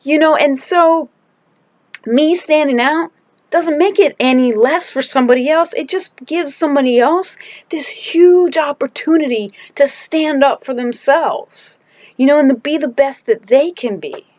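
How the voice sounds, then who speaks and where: A woman with a slightly high voice records a candid video diary at home, speaking with emphasis and stopping to rework her phrasing. The sound is dry and a little dull, like a small home camera mic up close. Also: a little slow, a little mellow, no room sound. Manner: candid and emphatic, restarts and trails off. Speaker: vlogger. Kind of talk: casual personal video diary.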